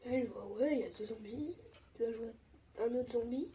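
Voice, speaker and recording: Excitable young woman gaming, mellow tone. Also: fairly high pitch, fast, a little hiss or hum. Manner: excitable, often drops to a mumble or whisper. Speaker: gaming YouTuber. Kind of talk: casual Minecraft commentary.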